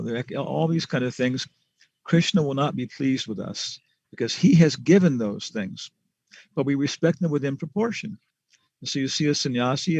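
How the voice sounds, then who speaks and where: A man's voice: medium pitch, vocal fry, a little mellow, no echo, highs cut off. A man answering students' questions in a casual class, rambling with many fillers and chuckles.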